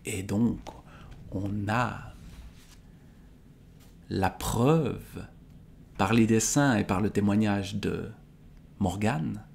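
A man reading a medieval text aloud at a very slow, deliberate pace, with a Swiss French accent. His voice is low and gravelly. He breaks off now and then for thoughtful, halting remarks. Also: a little mellow, slight background noise. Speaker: literature book reviewer.

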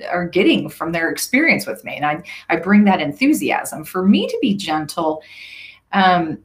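A woman's voice: lowish voice, normal speed. A middle-aged woman who works as a leadership coach gives an enthusiastic, casual motivational talk and keeps checking in with "right?". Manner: enthusiastic and expressive, often stops to ask "right?".

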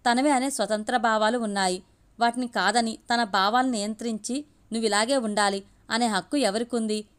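A woman storyteller narrating an audiobook story in a steady, expressive reading. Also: on the high side.

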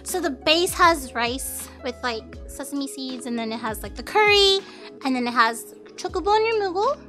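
This live streamer's voice sits high and moves at a normal speed as she chats on a cooking stream indoors in her home kitchen. She's a young adult woman with a giggly, expressive, girlish anime-streamer style, speaking close to a boom-arm studio mic with music behind her.

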